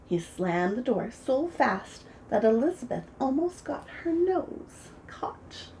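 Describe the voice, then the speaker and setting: A woman reading a children's picture book aloud, gentle and expressive as a preschool storyteller. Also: on the high side, slow pace, a little hiss or hum, rough recording. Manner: gentle and expressive, voices the characters.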